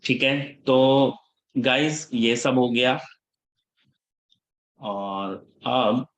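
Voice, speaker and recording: A man gives a live class in a loose, chatty teaching voice, switching easily between Hindi and English. He checks in with his students every few sentences and scolds them a little about missed classes. His voice sits at an ordinary middle pitch. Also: very slow. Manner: casual Hinglish teaching, checks in often with the class. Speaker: instructor.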